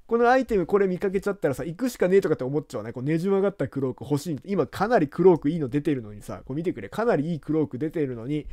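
A man from Japan talking casually over a video game he plays, rambling and chatty in rough, informal speech. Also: fairly high pitch, a little mellow, dry recording, clean studio sound. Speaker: game commentator. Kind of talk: casual let's-play commentary.

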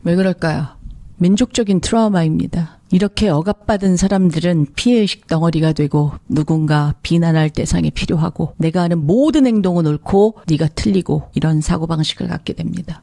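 A woman's voice: sits low, warm tone, no echo, studio quality. A middle-aged woman counselor speaking earnestly to camera, asking rhetorical questions and acting out what parents say. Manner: impassioned, rhetorical questions, acts out quoted parents. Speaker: psychological counselor.

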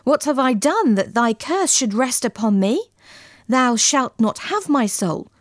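A woman's voice: high voice, big pitch swings, unhurried, no room sound, clean studio sound, pitched above the performer's own voice. A woman voicing a troubled young man who earnestly begs his beloved in archaic speech. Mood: fearful. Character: young man, troubled lover, fearful and pleading.

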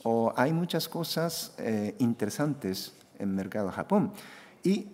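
A man's voice: medium pitch, animated, unhurried, warm tone. A middle-aged Japanese man with a Japanese accent speaking Spanish as a second language, giving a hesitant conference talk full of fillers and restarts at a panel table microphone. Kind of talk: conference presentation. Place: conference hall. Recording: echoey conference hall.

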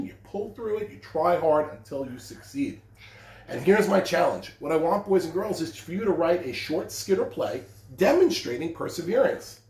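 A man in his thirties, hosting a school read-aloud, reads and talks expressively to children in a living room. His voice sits high and a little mellow, and the room adds a spacious echo.

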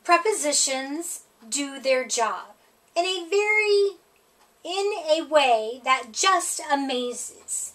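A storytime reader, a middle-aged woman, takes her time reading a picture book aloud and gives the rhymes a sing-song lilt. Her voice sits high, a bit bright, and ranges widely in pitch.

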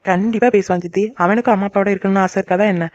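A warm-hearted young married sister in a cartoon, acted by a woman talks at a very rapid clip in a mid-pitched voice. She fusses over everyone and is quick to tear up. The sound is dry and lo-fi. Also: steady tone, dry recording, natural voice. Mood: caring. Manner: rapid, caring, cries easily. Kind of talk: cartoon voice acting. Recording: dry, dull lo-fi recording.

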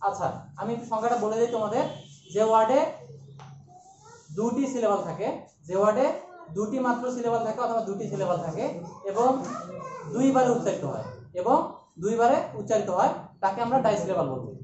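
A woman's voice: fairly high pitch, fast talker, pauses often, a little mellow, distant mic. A woman teacher lectures a class, going over each point twice and checking in with tag questions. She sounds set back from the mic, in a roomy, reverberant space. The recording is dull and lo-fi, with a faint hiss underneath. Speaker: English grammar teacher.

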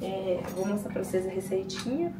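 Chatty mom vlogging at home. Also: female voice, medium pitch, lively intonation, a little fast, recorded from a distance. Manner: chatty, addresses viewers often. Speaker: vlogger mother. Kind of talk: casual home vlog chat to viewers. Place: family home, kitchen and bathroom. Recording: echoey home room with background noise.

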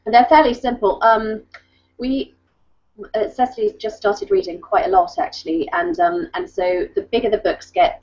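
A craft blogger in her thirties chats casually on a webcam video call from a book-lined room at home, showing off her crafts and often interrupting herself. Her voice is mid-range and a little mellow. The audio is dull, lo-fi video call quality.

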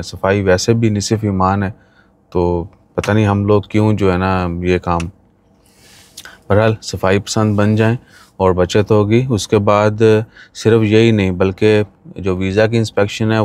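A man's voice: deep voice, a little mellow, clean tone. A man, chatting to the camera from a parked car. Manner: chatty, gestures with his hand. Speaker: vlogger. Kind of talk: casual talk to camera. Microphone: phone on dashboard.

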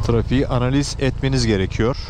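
A man's voice: medium pitch, fast. Man talking inside a motorcycle helmet, traffic noise. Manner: speaking from inside a motorcycle helmet while riding; chatty, explanatory, addressing drivers and viewers informally. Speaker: motovlogger. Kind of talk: casual vlog commentary while riding. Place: outdoors on a motorcycle in city traffic. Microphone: microphone inside a helmet. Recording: clear engine, wind and traffic noise. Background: motorcycle and passing cars.

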